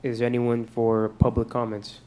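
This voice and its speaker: A man's voice: medium pitch, completely flat delivery, moderate pace, warm tone. A man speaking as a mayor chairing a formal public meeting, heard over a meeting room microphone. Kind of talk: formal meeting procedure and remarks. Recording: meeting room mic with clear background noise.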